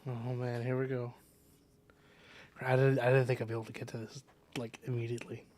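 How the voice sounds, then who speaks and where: A man's voice: medium pitch, little pitch movement, a little fast, a little mellow. A man playing a video game, giving casual commentary and reading out on-screen text as he goes. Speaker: gamer, let's player. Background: game music.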